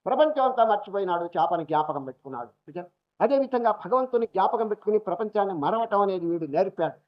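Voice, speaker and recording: Brief: male swami, high voice, storytelling sermon style, old muffled lo-fi tape sound. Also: expressive, fast. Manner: storytelling, mixes English phrases into his talk. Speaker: swami giving a scripture lecture. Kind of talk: spiritual discourse with storytelling. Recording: dull lo-fi archival lecture recording.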